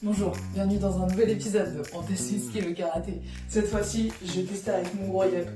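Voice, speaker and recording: A woman's voice: medium pitch, fairly even intonation, fairly quick. A young woman hosting a playful mock show, boastful in fun and laughing. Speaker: vlogger. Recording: echoey room, from a distance. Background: loud music.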